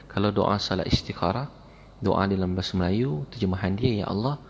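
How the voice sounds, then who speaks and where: A man's voice: sits low, a little fast, creaky, slight background noise. A male preacher with a Malaysian Malay accent, telling stories and repeating phrases for emphasis in a sermon. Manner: repetitive, storytelling, emphatic.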